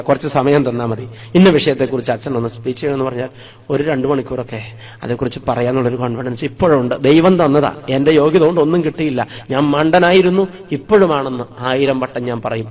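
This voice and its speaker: A man's voice: medium pitch, fairly even intonation, fast, darkish tone. A man from Wayanad in Kerala, a priest preaching a sermon, telling his own life story dramatically and acting out the scenes.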